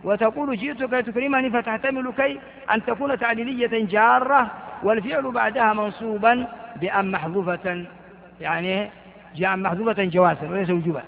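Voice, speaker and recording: Older man teaching grammar, gravelly. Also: high-pitched. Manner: reads a text, then explains it with repetitions and questions to students. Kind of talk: classical grammar lecture. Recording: phone-like lo-fi recording in a reverberant hall.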